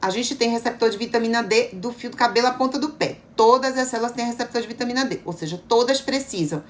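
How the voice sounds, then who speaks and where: A woman's voice: a little high, fast. A middle-aged woman doctor giving friendly, coaxing health advice to viewers, often checking in with "okay?". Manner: chatty, coaxing, often adds "tá bom?" and "né?". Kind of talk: informal health talk to viewers.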